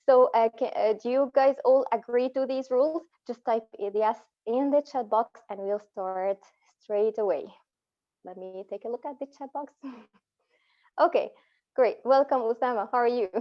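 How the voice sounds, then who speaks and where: A woman in her thirties from Egypt, an Arabic speaker, who talks casually and encouragingly as an online English teacher. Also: on the high side. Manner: relaxed, encouraging, laughs often between phrases. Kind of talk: casual online class talk. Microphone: phone on a video call. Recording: dull lo-fi video call audio.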